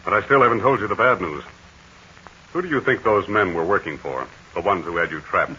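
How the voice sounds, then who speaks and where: An actor playing a commanding heroic aviator captain, in 1940s radio acting style. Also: male voice, sits low, fairly quick, bright, forceful tone. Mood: firm. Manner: firm, decisive. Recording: muffled old radio recording with faint hiss.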